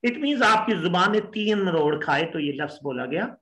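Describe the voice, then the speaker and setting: A man's voice: sits high, animated, moderate pace, fairly bright tone. A middle-aged man with a Pakistani accent teaching pronunciation, patiently repeating words to drill them. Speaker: English teacher. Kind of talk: pronunciation lesson. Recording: echoey room.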